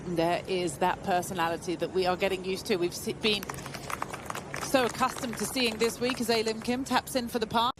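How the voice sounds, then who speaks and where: A golf commentator giving measured live tournament play-by-play and handing over to colleagues. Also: medium pitch, flat delivery, noisy background. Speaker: golf commentator, lead announcer.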